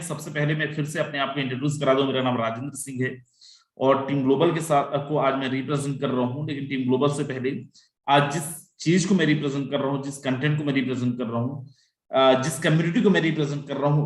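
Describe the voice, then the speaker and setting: A man's voice: mid-range voice, steady tone, fast talker, echoey room. A man presenting an online sales webinar over a video call, talking persuasively, repeating "my friend" and mixing in English phrases.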